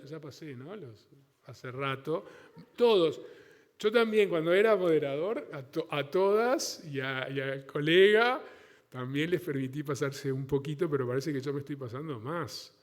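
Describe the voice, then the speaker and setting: Man speaking in a reverberant hall. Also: medium pitch. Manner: conversational, acts out quoted objections. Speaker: panel speaker. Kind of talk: informal conference talk. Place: large indoor room at a public event.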